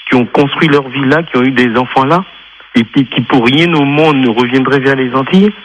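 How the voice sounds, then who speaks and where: A man's voice: medium pitch, fairly quick, lo-fi sound, slight background noise. A man from France calling in to a radio show, speaking with insistent passion and repeating points for emphasis. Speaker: radio caller. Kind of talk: radio call-in talk.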